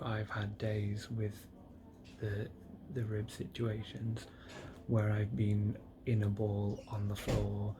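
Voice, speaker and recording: Guy just out of surgery doing a vlog, sleepy n drugged up, lowish flat voice, halting, noisy room. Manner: subdued, halting, trailing off between short phrases. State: drowsy and relaxed on painkillers after surgery. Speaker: patient vlogger recording a health diary. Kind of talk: casual solo vlog, rambling reflection. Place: indoors, alone in a private hospital room. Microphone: self-recording on a device with a screen.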